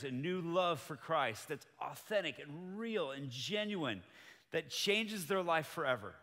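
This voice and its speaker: A man preaching a sermon as pastor, earnest and building to excited emphasis, who grew up in Colombia. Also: a little high, long reverb tail.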